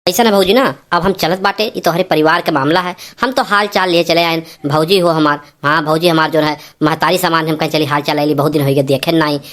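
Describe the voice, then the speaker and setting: A woman's voice: deep voice, fairly even intonation, brisk, few pauses, fairly bright tone. A woman voicing a courteous young man visiting his sister-in-law in a cartoon. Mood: polite. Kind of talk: cartoon voice acting.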